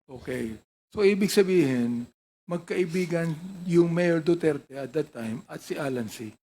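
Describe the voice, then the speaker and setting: A man with a fairly high voice questions a witness at a formal hearing. He presses his points and probes for answers. It sounds like a hearing room. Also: animated, unhurried, dark tone.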